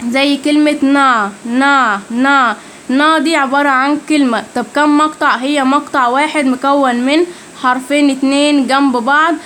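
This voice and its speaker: High-voiced Egyptian woman teaching. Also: a bit bright, a little hiss or hum. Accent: Egyptian Arabic. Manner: repetitive, slowly drilling sounds, asks and answers herself. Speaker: language teacher. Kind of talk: casual spoken lesson.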